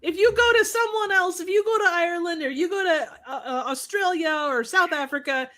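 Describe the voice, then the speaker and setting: A woman's voice: extremely high pitch, brisk, fairly bright tone. A woman guest on a casual podcast, arguing emphatically and teasingly.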